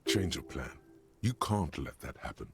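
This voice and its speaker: A man narrating as the calm, wry inner voice in a video game. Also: gravelly, heavily acted. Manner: measured, deep, wry.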